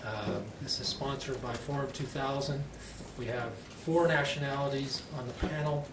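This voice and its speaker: Male moderator, standard American accent, measured panel introduction, distant echoey recording. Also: medium pitch, fairly even intonation. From United States. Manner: slow, clearly enunciated, deliberate delivery. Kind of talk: introducing a public panel discussion. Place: conference panel room, indoors. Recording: echoey, noisy room, distant mic.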